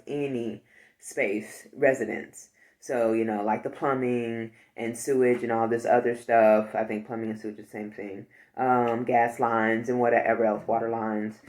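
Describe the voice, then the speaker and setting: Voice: medium pitch, a little mellow. A vlogger talking casually to the viewer, rambling and joking, with frequent asides. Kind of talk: casual chat.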